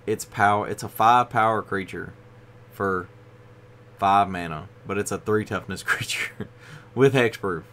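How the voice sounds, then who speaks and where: A man's voice: lowish voice, measured pace, a bit bright. A man hosting a casual card review video, tired and yawning as he rambles along with frequent fillers. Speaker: card game video host.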